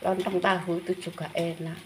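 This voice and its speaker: A woman's voice: fairly low pitch, flat delivery, moderate pace. An older woman with a Javanese accent, chatting affectionately to viewers in a home cooking vlog, constantly calling them dear. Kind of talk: casual chat while frying crackers. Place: home kitchen. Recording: home phone video with background noise.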